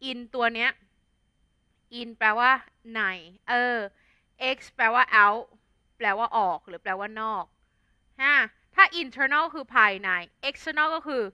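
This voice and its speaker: A woman's voice: a little high, slow pace, clear, resonant tone, dry recording, muffled recording. A young adult woman with a Thai accent teaching an English vocabulary lesson in a chatty, casual way, full of fillers and tag words. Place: studio.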